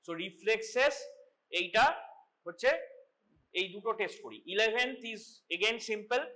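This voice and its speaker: A man's voice: high voice, slow, bright, forceful tone. A man giving an anatomy lecture to medical students in a classroom, explaining step by step and mixing in English terms. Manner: explanatory, mixes English terms, frequent restarts.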